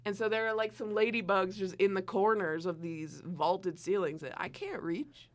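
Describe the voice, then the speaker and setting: A woman's voice: mid-range voice, moderate pace. A young woman co-hosting a casual morning chat show, telling stories with quoted asides. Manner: chatty, storytelling with quoted asides. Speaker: co-host.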